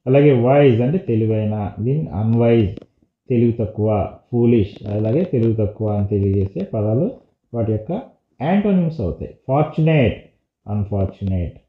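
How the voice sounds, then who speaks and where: A male teacher with a Telugu accent who explains English words slowly in Telugu for schoolchildren. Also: medium pitch. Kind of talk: textbook lesson explanation. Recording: echoey room on a tinny phone-like line.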